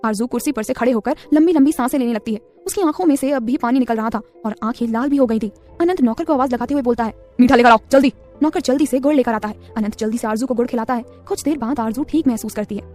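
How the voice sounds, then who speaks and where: A woman narrating a scripted romance audio story in quick, steady storytelling. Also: on the high side, soft background music.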